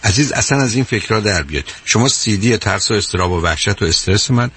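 A man's voice: fairly low pitch, lively intonation, a bit bright, slightly rough. A man from Iran, a psychologist hosting a call-in show, lecturing a caller emphatically and often calling her "dear". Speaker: radio psychologist host. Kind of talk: call-in advice talk.

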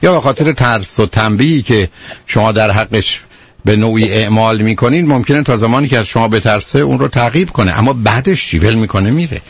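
A middle-aged man giving parenting advice to callers on a radio call-in show, in a calm and patient manner. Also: lowish voice, husky, dry recording. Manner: calm, patient, explaining at length. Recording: muffled radio broadcast.

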